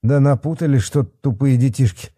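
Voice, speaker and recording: A man voicing a fat, pompous rural policeman who sneers and shouts at teenagers. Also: medium pitch, normal speed, no echo, studio quality, voice pushed up, natural voice. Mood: sneering. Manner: blustering, scornful, shouting.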